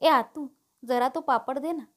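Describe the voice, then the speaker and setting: A woman voicing a lively, playful young woman in a storybook reading. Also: sits high, measured pace. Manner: playful, excited.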